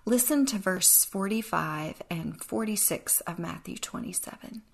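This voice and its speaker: Woman hosting a devotional podcast, gravelly voice. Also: fairly low pitch, unhurried. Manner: reflective, earnest, occasionally dry sarcasm. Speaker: podcast host.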